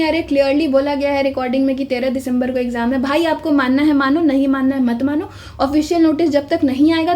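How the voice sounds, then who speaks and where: A woman's voice: high-pitched, dark tone. A woman giving a casual, insistent exam-update talk to viewers, often calling them "bhai" and checking in with "theek hai".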